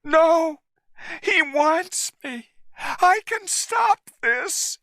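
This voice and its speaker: A man voicing a young woman in a read-aloud story, pleading and shouting. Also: lively intonation, very slow, no room sound, full character voice. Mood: desperate. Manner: high cries, shouting.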